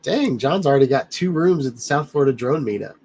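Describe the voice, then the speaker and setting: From his home studio, a man hosts a casual livestream, reading chat, rambling amiably, and greeting viewers by name. His nose sounds a little blocked, and his mid-range voice is animated, brisk, and a little mellow.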